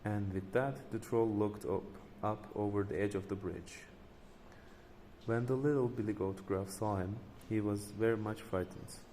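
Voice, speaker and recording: A man's voice: on the low side, steady tone, measured pace, mellow, big-room sound, a little hiss or hum. A man reading a folk tale aloud, with frequent slips and restarts. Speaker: storyteller.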